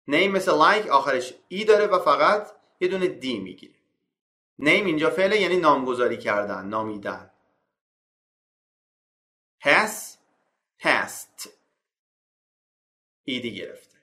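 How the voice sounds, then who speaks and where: A man teaches English grammar in an echoey room, reading each rule slowly and then explaining it in casual Persian. His voice is bright and sits a little high. He calls out example verbs on an even higher, animated note. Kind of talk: slide-based grammar lesson.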